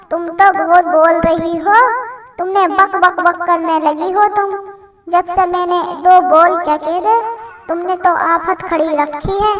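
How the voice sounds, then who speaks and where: Grumbling, scolding mother-in-law, played by a woman in a home comedy skit, high voice in a roomy space. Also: a bit bright. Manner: scolding and whiny. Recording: roomy, distant mic.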